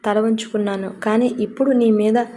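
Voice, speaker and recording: A woman voicing a proud, bitter young woman who talks in a sharp, scolding way. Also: a little high, fairly even intonation, normal speed, a little hiss or hum, close to an everyday voice. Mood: angry.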